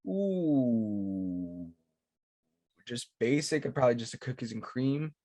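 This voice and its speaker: A man's voice: medium pitch, fairly even intonation, quick pace, a little mellow, dry recording. Laid-back man on a dry podcast mic. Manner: laid-back, slangy banter. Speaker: podcast co-host. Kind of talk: casual chat.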